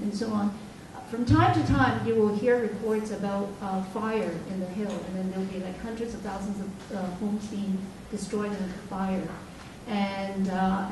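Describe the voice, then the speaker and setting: A woman from Hong Kong giving an earnest, measured public speech at a forum, pausing often with fillers. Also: medium pitch, noisy background. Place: meeting room. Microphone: far from the recording mic. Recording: echoey hall recorded from far off.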